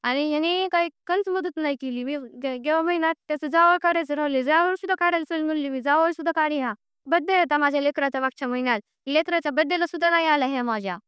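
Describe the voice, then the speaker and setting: Speaking quickly in a high, fairly bright voice, a young caller insists and pleads about a personal grievance on a recorded phone call. The emotional private exchange finds her aggrieved and repetitive, and the recording is dry and studio quality.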